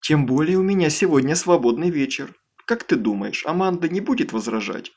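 A man's voice: a little high, lively intonation, brisk, a little mellow, breathy edge. Gushing, sugary teenage girl, voiced by a male reader. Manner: gushing, chattering.

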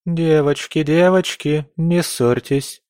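A man's voice: medium pitch, unhurried, warm tone, no room sound, studio quality, voice pushed up, natural voice. A man playing a firm noble mother. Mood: soothing. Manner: soothing yet firm and commanding. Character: stern, fussy noble mother of two daughters.

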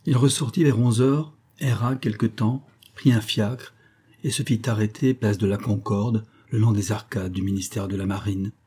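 Un homme lit un roman classique en livre audio, sur un ton posé et expressif. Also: male voice, on the low side, breathy edge. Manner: measured, expressive literary reading. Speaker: narrator. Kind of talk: audiobook reading of a classic novel.

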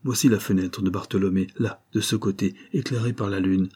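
A man voicing an uneasy, fussy gentleman who speaks nervously and with perplexity, in an audiobook reading. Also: fairly low pitch, steady tone, fairly quick, breathy edge. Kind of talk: audiobook character voice.

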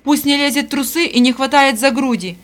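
A woman's voice: sits high, brisk, a bit bright, voice pushed up. A woman reading an audiobook voices a mistreated young servant girl who answers back indignantly. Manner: indignant, defiant, pleading. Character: mistreated teenage servant girl, defiant and hurt.

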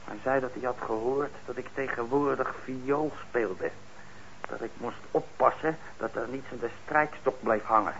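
In a Dutch radio play, a young adult actor plays a troubled young man on probation, sounding blunt and hesitant, resentful yet eager, defensive and bitter. His medium-pitched voice is creaky and a bit bright at a moderate pace. The old recording is muffled and noisy.

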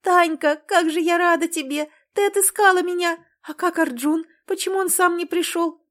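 A woman's voice: fairly high pitch, a little fast, darkish tone, voice pushed up, natural voice. A woman voicing an emotional young woman, a sister who exclaims and sighs, in an audiobook. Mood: overjoyed. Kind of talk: audiobook character voice.

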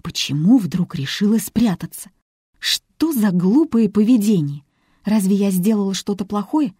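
A woman's voice: medium pitch, expressive, measured pace, mellow, husky, dry recording, clean studio sound. A woman reading a first-person audiobook in a wry, self-mocking way. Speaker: audiobook narrator.

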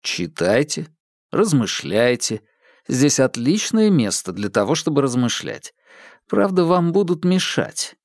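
A man playing a calm, ironic young male detective with a dry, teasing, unhurried manner in an audiobook. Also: medium pitch, dry recording. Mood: wry.

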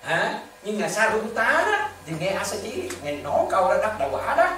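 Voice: medium pitch, brisk, slight background noise. Buddhist monk preaching in an echoey hall. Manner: repetitive, animated storytelling with rhetorical questions. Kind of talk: dharma talk. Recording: echoey hall, distant mic, faint ambience.

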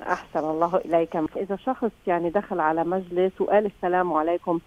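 A woman's voice: fairly low pitch, steady tone, fast, a little mellow. A woman calling in over the phone, courteously asking a question in a hurry. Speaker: caller to a radio show. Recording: dull lo-fi phone line.

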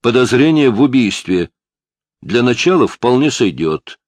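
A man's voice: medium pitch, big pitch swings, unhurried, darkish tone, no echo, pitched above the performer's own voice. A man doing a stern barking detective. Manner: barking, threatening. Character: stern hard-nosed male police detective.

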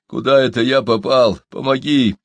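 A man voicing a young male hunter who pleads desperately, his voice rising high as he cries out. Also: fairly even intonation, moderate pace, dry recording, lightly acted. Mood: bewildered pleading. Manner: anguished, high and crying out.

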